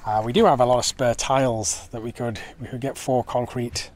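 A man's voice: mid-range voice, steady tone, a little fast. A man chatting casually and upbeat to camera for his family vlog, outdoors in a rural village and garden. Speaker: family vlogger.

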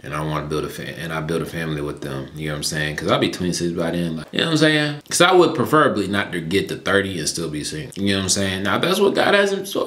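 A young man talks to his camera in a loose, slangy way, full of fillers and asides. His voice sits a little low but jumps around with lively pitch. The small room around him gives a noticeable echo. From Georgia, US. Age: young adult. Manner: laid-back, slangy, lots of fillers. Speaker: vlogger. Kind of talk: casual mukbang Q&A chat. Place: small room with neon lights, indoors. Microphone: fixed camera at desk.

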